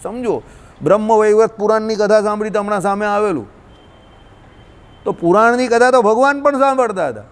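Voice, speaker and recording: A man, teaching scripture in a scolding, colloquial way, full of rhetorical questions. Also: high voice. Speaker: religious teacher. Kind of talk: scriptural discourse.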